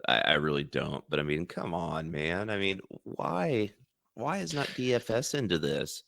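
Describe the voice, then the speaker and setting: A man with a very deep, gravelly voice co-hosts a casual podcast chat. He gets worked up and rants, stumbling over repeated words as he restarts. The recording is dry and close. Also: moderate pace, no room sound. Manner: animated, stammering restarts, ranting. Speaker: podcast co-host.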